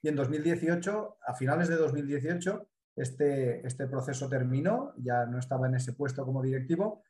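Speaking in an echoey room, a business consultant describes his work in a measured manner during a live interview. He's a middle-aged man from Spain's Mediterranean coast with a Spanish accent. His voice is mid-range and a little mellow.

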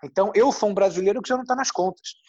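Husky Brazilian man from Rio. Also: high-pitched, racing, a little mellow, dry recording, highs cut off. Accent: Rio de Janeiro Brazilian Portuguese. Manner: explanatory, thoughtful, frequent "né?" tags. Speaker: journalist. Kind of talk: interview answers.

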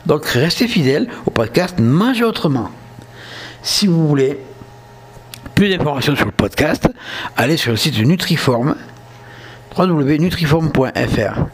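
Hosting a casual solo podcast, a man from southern France speaks with the region's accent, chatting straight to his listeners and checking in often with a frequent "ok?". His husky voice sits on the high side, with lively intonation, a moderate pace, and many pauses.

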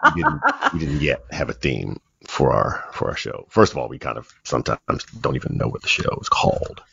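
A man co-hosting a casual chat show, animated and laughing, often stumbling over his words. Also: extremely low pitch, a little fast, gravelly, breathy edge, dull audio. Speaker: co-host.

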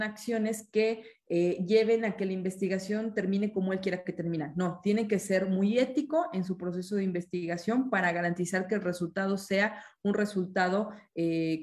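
A woman teaching a live-streamed class, explaining ideas, asking questions and reading students' comments aloud. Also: mid-range voice.

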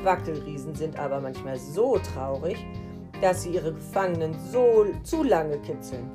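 A woman voicing a small, worried yellow mouse in a storybook reading, speaking slowly in a changed voice over soft guitar. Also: low-pitched, close to an everyday voice. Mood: warning.

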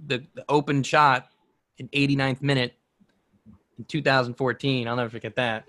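A man's voice: medium pitch, fairly even intonation, moderate pace, pushed and bright, no echo. A man in his twenties co-hosting a podcast, rambling through a story and laughing at himself. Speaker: podcast co-host. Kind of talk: casual chat.

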